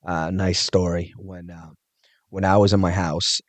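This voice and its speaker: Deep-voiced man from Morocco, chatty. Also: unhurried, dry recording. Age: 30s. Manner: animated, laughing, fills with "like" and "you know". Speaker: judo instructor, podcast guest. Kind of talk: casual storytelling chat.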